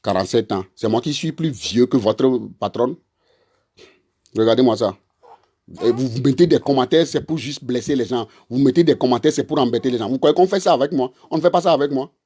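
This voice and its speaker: A husky-voiced man. His pitch sits in the middle range. He scolds and lectures his listeners in a confrontational, repetitive monologue. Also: a little fast, warm tone. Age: 40s. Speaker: online commentator; father and husband. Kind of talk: ranting monologue to camera.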